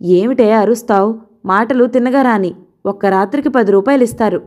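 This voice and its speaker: Woman as coaxing working father, mellow tone, persuasive. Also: fairly high pitch, brisk, lightly acted. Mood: irritated. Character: poor grown-up son, coaxing father and stage actor.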